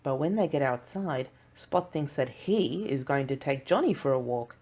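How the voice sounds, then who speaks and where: A woman narrating a children's storybook in a slow, clear and gentle reading voice. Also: extremely low pitch, animated. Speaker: audiobook narrator.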